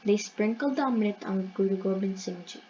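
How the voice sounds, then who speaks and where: A woman retells a religious story in an earnest, explanatory voice of ordinary pitch, often stopping to correct herself. The recording sounds dull and lo-fi, with a faint hiss behind her. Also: a little fast, warm tone. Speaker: channel host.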